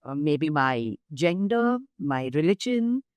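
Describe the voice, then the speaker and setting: An older woman with an Indian accent, speaking as a guest in an interview, measured and emphatic as she explains through lists of examples. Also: deep voice, very animated, darkish tone, no room sound. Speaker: guest, nonprofit founder. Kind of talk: interview conversation.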